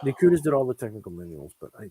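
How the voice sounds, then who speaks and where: Lively joking man with dry close sound. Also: fairly low pitch, racing, husky, no room sound. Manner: animated, jokey, quotes lines in mock voices. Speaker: podcast co-host. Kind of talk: casual riff-track banter.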